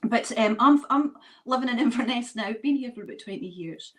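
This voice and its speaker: A woman with a Highland Scottish accent chatting casually as an interview guest, in a jokey, self-deprecating way. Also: expressive, fairly quick, a bit bright. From Scottish Highlands and east coast of Scotland. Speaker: guest, event organiser.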